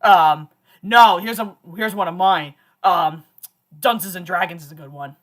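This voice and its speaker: A woman's voice: on the low side, unhurried. A woman hosting a livestream, chatting casually and laughing often. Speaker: livestream host. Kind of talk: casual chat.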